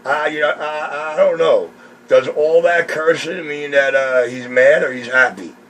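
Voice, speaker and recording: A man's voice: on the high side, fairly even intonation, a little slow, a bit bright. A man talking over CB radio, mocking and complaining about another operator. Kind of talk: radio chatter. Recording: distant radio audio with faint hiss.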